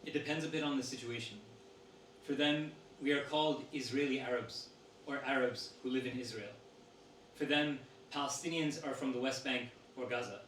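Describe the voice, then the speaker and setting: A man reading a woman's interview answers aloud to an audience in a steady, measured voice. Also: medium pitch. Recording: roomy sound from a distant mic with faint noise.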